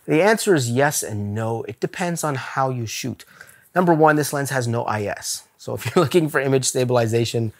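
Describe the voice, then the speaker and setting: A man's voice: mid-range voice, expressive, moderate pace. A man talking casually to camera in a gear review vlog, candid and chatty, laughing now and then. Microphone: camera-mounted shot on a zoom lens.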